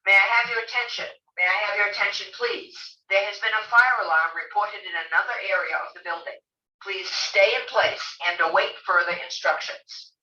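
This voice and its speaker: An automated building announcement playing over a public address loudspeaker in formal, measured, repetitive phrasing. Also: mid-range voice. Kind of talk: repeated emergency announcement. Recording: roomy, distant, dull PA loudspeaker.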